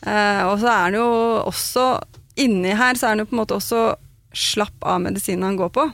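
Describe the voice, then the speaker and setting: In a relaxed, conversational way, a woman bluntly and frankly recounts her own story, swearing mildly along the way. Her ordinary middle-pitched voice sounds close and dry, with no room echo.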